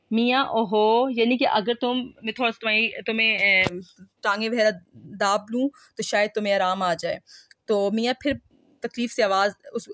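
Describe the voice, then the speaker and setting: A woman's voice: a little high, dry recording, clean studio sound. Woman teacher reading and explaining a text. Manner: reads lines then explains words plainly. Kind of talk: reading aloud and explaining an Urdu play text.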